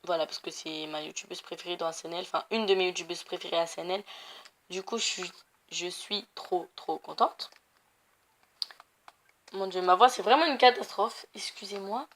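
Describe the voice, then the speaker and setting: A woman's voice: lowish voice, moderate pace, fairly bright tone. A young woman of Portuguese family background chatting casually while playing a video game, rambling with many fillers and self-corrections. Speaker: gaming youtuber. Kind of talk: casual gameplay commentary.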